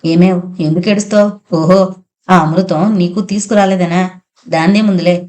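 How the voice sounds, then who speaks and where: A woman's voice: lowish voice, fairly even intonation, normal speed, a little mellow, natural voice. A woman voicing a drunk, boastful middle-aged village husband in an audiobook. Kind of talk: audiobook character voice.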